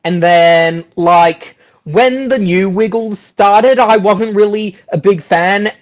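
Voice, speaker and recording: Speaking slowly in a high voice, a man who performs in musical theatre talks informally about his life as an interview guest, heard through a dull, lo-fi recording.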